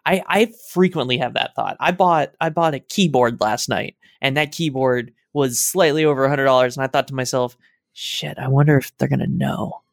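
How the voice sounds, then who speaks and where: A man's voice: mid-range voice, normal speed, hardly any pauses, dry recording, clean studio sound. A man co-hosting a casual podcast, talking in wry, self-deprecating, rambling asides. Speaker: podcast co-host. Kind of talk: casual chat.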